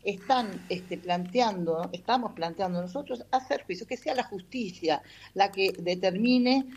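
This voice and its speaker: A woman's voice: mid-range voice, measured pace, darkish tone, slightly rough. A woman explaining a legal matter in an interview, hesitating often with fillers. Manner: explanatory, many hesitations with "este". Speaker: patronato representative. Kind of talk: radio-style interview answers.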